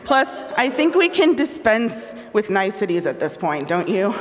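A woman's voice: medium pitch, sing-song, measured pace, big-room sound. A woman author reading the lines of a bold, flustered young princess in her own novel, with brash joking delivery.

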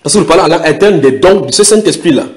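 Slightly high and a little mellow, with lively intonation, this preacher delivers a sermon, questioning his listeners directly. He speaks emphatically and stretches out important words.

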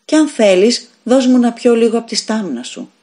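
Woman reading as a gentle, mysterious stranger. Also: a little high, pitched above the performer's own voice. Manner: soft, calm and kind. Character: gentle, mysterious young man, a calm stranger. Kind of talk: audiobook fairy tale reading.

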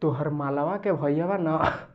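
A man's voice: on the high side, a little slow, lo-fi sound, noisy background, lightly acted. A man playing a hapless village friend who complains about being beaten, in a comedy sketch. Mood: whiny. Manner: whiny, defensive.

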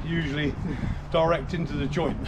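A middle-aged man, a veteran strongman, answering questions with deadpan jokes in a back garden gym. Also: a little high, moderate pace. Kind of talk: joking outdoor chat. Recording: outdoor background noise.

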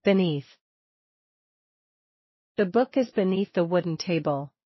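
Slow, careful female vocabulary reader. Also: fairly low pitch, no room sound, dull audio. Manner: careful, clearly spaced delivery. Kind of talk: slow scripted word-and-sentence reading.

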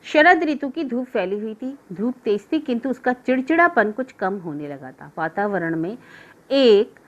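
A woman reading a literary short story aloud as audiobook narration, in steady first-person storytelling. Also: a little high, unhurried. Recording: dull lo-fi recording.

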